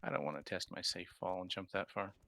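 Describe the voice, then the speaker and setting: A man's voice: deep voice, fairly even intonation, fast talker, vocal fry, pushed and bright. A man chatting casually with his group while playing an online game, with faint noise on the voice chat.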